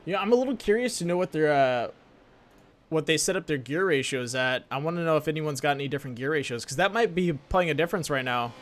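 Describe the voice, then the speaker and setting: A man's voice: a little high, animated, fast talker. A man working as a sim racing commentator, calling the action live in an informal, chatty, jokey way like a casual motorsport commentator.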